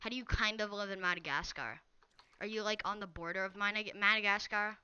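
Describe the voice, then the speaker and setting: A young woman streams a game and keeps up a teasing, casual chatter with her viewers. Her voice is bright and crisp, close and dry. The mic sounds slightly dull and lo-fi. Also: mid-range voice, brisk, no echo. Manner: teasing, talks straight to viewers reading chat. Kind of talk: casual live-stream chat while gaming.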